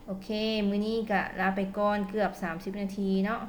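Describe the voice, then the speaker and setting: A woman with a Lao accent teaching English at home. She says English phrases slowly and carefully, then quickly translates each one. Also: medium pitch, little pitch movement, a little hiss or hum. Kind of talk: casual spoken lesson.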